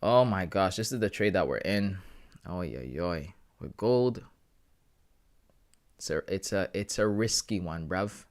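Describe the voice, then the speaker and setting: Talking to his audience on a live trading stream, a forex trader in his 30s keeps things casual and slangy, laughing a lot. He has a low, expressive voice with a measured pace and frequent pauses.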